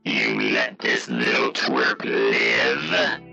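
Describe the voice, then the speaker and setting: Brief: robot-filtered cyborg enforcer, harsh bright gravel with wild swoops, dull lo-fi sound. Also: male voice, extremely low pitch, huge pitch swings, faint music behind, voice pushed down, heavily acted. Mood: menacing. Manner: slow, threatening, gravelly. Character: huge menacing male cyborg enforcer. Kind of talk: reading a story with character voices.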